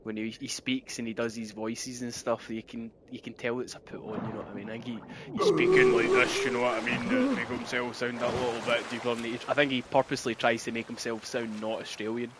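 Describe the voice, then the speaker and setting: A man's voice: mid-range voice, fast talker, few pauses. A man chatting casually while playing a game, rambling and dropping "you know what I mean" into every thought, talking through a gaming headset. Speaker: gamer chatting during play. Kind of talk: casual chat. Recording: noisy headset chat recording.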